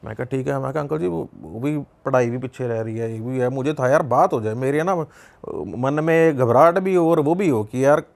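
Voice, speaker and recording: A man's voice: medium pitch, moderate pace, creaky, a little mellow. A young Punjabi man with a Punjabi accent, telling a personal story in a casual, rambling way with many restarts. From Punjab, India. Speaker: podcast guest.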